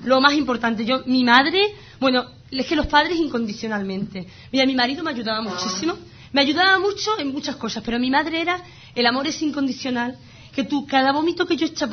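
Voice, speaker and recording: Speaking quickly and with animation in a highish voice, a woman in her 30s tells her illness story as a guest in a casual conversation, with emphatic delivery. The sound is somewhat dull and lo-fi.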